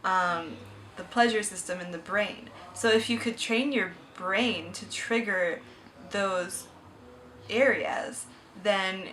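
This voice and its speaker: A nineteen-year-old woman from Puerto Rico explains things matter-of-factly in a bright voice. Faint background noise sits under her. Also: mid-range voice, slow pace, reverberant, rough recording. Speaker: psychology student interviewee. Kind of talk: casual interview answer.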